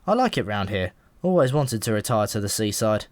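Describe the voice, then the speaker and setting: A man voices a chatty, world-weary pigeon in an audiobook, speaking frankly and matter-of-factly in an offhand, advising mood. His fairly low, sing-song voice runs a little fast, with no echo.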